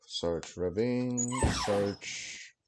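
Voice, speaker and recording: A man with a slightly low voice talks through a headset mic on a livestream. He calls his card plays in terse bursts and pads them with fillers. The tone stays casual. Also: drawn-out words, background noise. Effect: livestream headset mic audio. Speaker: streamer and card game player. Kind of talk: casual play-by-play commentary of his own turn.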